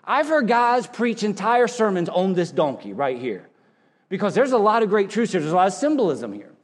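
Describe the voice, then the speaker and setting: High-voiced preacher man in a reverberant hall. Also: very animated. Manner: preaching with dramatic pauses and sudden hushed drops. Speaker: pastor. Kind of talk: sermon. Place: church sanctuary.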